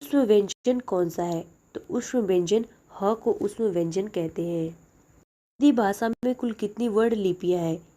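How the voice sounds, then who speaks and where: A young woman with a mellow, warm voice runs through exam-prep questions one after another. She reads each question aloud and then gives its answer in a plain, steady way. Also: mid-range voice. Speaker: teacher.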